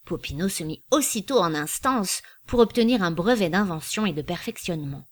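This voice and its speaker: Brief: female audiobook narrator, expressive, lively intonation, measured delivery. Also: lowish voice. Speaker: audiobook reader.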